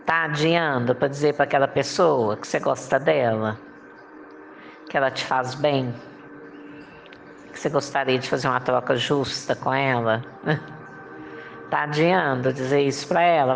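Low, slow-talking woman coaxing listeners. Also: gravelly, slight background noise. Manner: coaxing, asks the listener rhetorical questions and laughs often. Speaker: motivational speaker. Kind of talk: motivational monologue.

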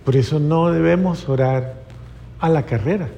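A man's voice: fairly high pitch, normal speed, vocal fry, dark tone. A male priest preaching a sermon around a personal story, earnest and emotional, repeating phrases for emphasis. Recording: long reverb, faint background noise.

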